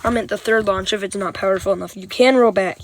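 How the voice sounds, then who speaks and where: A woman's voice: medium pitch, fast talker, slight background noise. A woman giving casual, blunt, nitpicking reaction commentary in short interjections. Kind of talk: casual debunking reaction commentary over a video.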